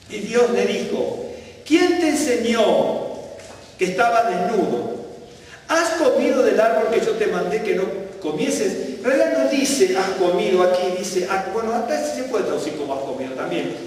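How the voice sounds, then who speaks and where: A man teaching a Bible lesson as a sermon, animated, with quoted questions rising in pitch and frequent self-corrections. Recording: distant mic in a reverberant hall.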